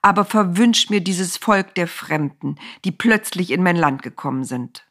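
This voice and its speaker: A woman's voice: lowish voice, expressive, a little slow, fairly bright tone. A woman voicing a scheming, demanding male king in a storybook reading, speaking urgently. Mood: commanding.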